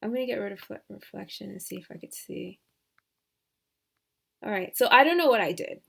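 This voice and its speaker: Woman, tutorial host, mid pitch with a gravelly edge, casual and hesitant, mutters quietly while working. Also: lively intonation, brisk. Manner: casual, hesitant, thinking aloud with many fillers. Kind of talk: screen-recorded tutorial.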